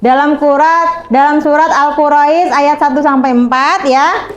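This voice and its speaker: A young woman teaching a class, speaking slowly and patiently and checking often that the students follow. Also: sits high, steady tone, muffled recording. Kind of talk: classroom lesson.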